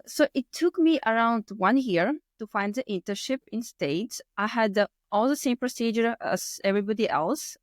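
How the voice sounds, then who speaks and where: In a dry recording, a podcast guest with a mid-range voice, a Latvian-accented woman in her thirties, casually shares personal stories during an interview. Her English is non-native, with loose grammar and word order.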